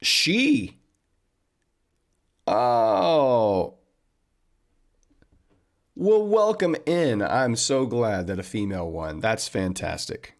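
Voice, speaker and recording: A man's voice: medium pitch, big pitch swings, drawn-out words, pauses often. A man hosting a trading livestream, chatting casually and upbeat with viewers and calling them man and buddy.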